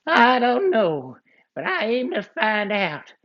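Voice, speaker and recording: A man voicing a mean, gruff cowboy outlaw with a drawl in a storybook reading, on a muffled lo-fi recording. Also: high voice, huge pitch swings, slow, voice pushed up, full character voice. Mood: suspicious.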